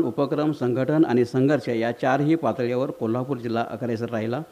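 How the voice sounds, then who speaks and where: A man reads a formal introduction of a guest speaker, listing achievements in a steady way. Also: mid-range voice, dull audio. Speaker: event host introducing the speaker. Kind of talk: formal introduction read from notes.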